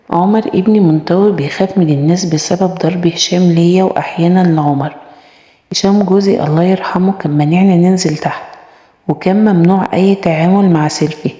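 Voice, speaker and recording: A woman's voice: lowish voice, mellow. A woman with an Egyptian Arabic accent narrating a first-person story, reading every character in her own voice. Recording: echoey room with long reverb.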